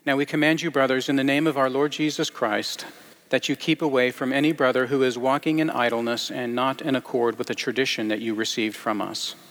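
Gravelly man preaching in a reverberant hall. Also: mid-range voice, a bit bright. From grew up partly in Iceland. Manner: halting, many fillers and restarts. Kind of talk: scripture reading and sermon.

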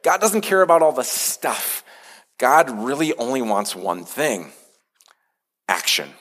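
A man preaching a conversational sermon as a pastor, animated when he acts out scripture. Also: medium pitch, slow. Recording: hall reverb.

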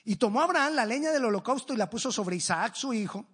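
Male preacher, high and husky, reading scripture and asking his own questions. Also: animated, fast talker, fairly bright tone. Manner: reads scripture aloud, then asks and answers questions. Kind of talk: sermon with Bible reading.

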